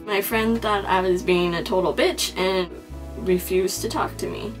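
A woman's voice: medium pitch, steady tone, unhurried, music in the background, low-quality recording. A young woman doing a mock-serious confessional vlog monologue, earnest and solemn, often restarting her sentences. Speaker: comedy vlogger.

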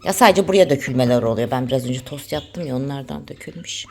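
A woman's voice: expressive, fast, noisy background. A woman from Turkey in her thirties, chatting casually to her viewers while she cooks in her kitchen at home. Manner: chatty, talks to her dog in a high teasing voice. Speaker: vlogger. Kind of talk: casual home vlog chat.

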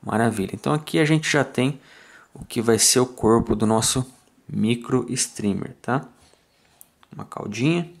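A man with a Brazilian Portuguese accent explains fly tying step by step in a calm, methodical way, counting off each turn aloud. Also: mid-range voice, measured pace, gravelly. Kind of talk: step-by-step tutorial narration.

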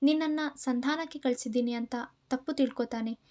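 A woman's voice: high voice, brisk, dark tone, natural voice. A woman doing a tearful grieving older mother. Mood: tearful pleading. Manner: tearful, pleading. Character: grieving older mother estranged from her son.

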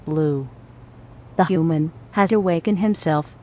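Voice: medium pitch, measured pace, slight background noise. Goldie, a formal robot caretaker voiced by a performer. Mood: flat, formal. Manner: flat, formal, clipped machine phrasing.

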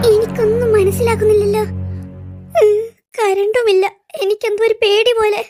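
A performer voicing a worried auntie in a cartoon who frets anxiously in the dark, speaking. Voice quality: very high, squeaky cartoon voice. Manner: fretful, anxious calling out. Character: worried auntie searching for a missing girl in the dark.

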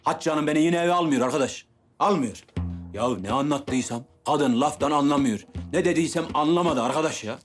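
A man's voice: on the high side, brisk, close to an everyday voice. A man in his sixties playing a despairing, exasperated older husband in a TV series, full of sighs and exclamations, with faint music behind. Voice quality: sighing, exclaiming. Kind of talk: TV series acting.

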